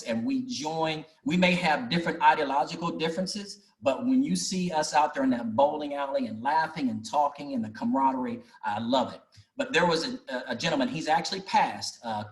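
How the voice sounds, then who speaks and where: Man, earnest storyteller, mid pitch, echoey room on a video call. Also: normal speed. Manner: earnest, folksy, with many restarts. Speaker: speaker at an online community meeting. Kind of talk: storytelling presentation. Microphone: video call mic.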